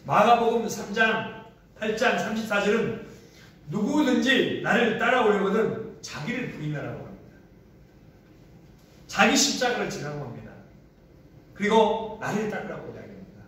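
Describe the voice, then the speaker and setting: A man with a high voice preaches a sermon, asking his congregation questions and acting out the lines he quotes. His voice comes from well off the mic and rings through a very reverberant hall. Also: lively intonation, moderate pace, long pauses, fairly bright tone. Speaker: pastor. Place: large echoey hall used for a church service. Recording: very echoey room, voice from far off the mic.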